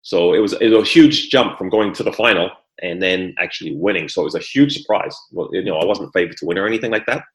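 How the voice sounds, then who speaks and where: A middle-aged ex-Olympic hurdler and trainer from Guyana, raised in England, speaks at ease as a podcast guest about his career in sport, often repeating words as sentences begin. He talks in a deep voice at a quick pace with hardly any pauses, and the room echoes.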